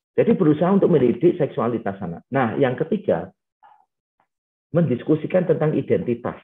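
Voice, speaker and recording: A middle-aged male pastor giving a casual teaching talk in a webinar, chatty and sprinkled with English phrases. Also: mid-range voice. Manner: conversational, mixes in English phrases, frequent "gitu" fillers. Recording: tinny phone-like webinar audio.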